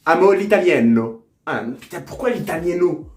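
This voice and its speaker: With an expressive voice on the high side and a moderate pace, a young man does a casual vlog and tries out phrases from a language app. He's playful and self-mocking, repeating the phrases over and over, while faint music plays in an echoey room.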